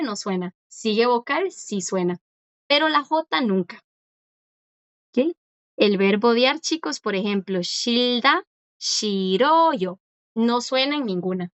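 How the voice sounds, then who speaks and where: Teacher, female, patient, keeps checking in with the class; slightly high voice, dry dull lo-fi recording. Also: fairly bright tone, no room sound. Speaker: language teacher. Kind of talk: live class explanation.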